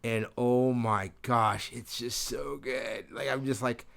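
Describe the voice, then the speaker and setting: A man's voice: mid-range voice, steady tone, takes it slowly, gravelly, a bit bright. A man co-hosting a podcast, chatting in an enthusiastic, rambling way. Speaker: podcast co-host. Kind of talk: casual chat.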